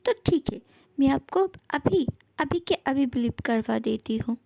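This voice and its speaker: A woman's voice: high-pitched, lively intonation, a little slow, vocal fry, background noise, exaggerated voice. A woman playing a playful, teasing young wife in a fan audio drama, who taunts and sweetly coaxes. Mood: coaxing.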